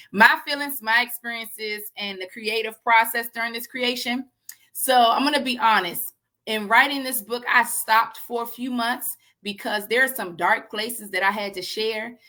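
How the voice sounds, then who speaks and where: A woman's voice: mid-range voice, bright, forceful tone. A woman author speaking on a video call, talking earnestly and conversationally to her readers with faith-filled encouragement. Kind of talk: casual spoken address to an audience.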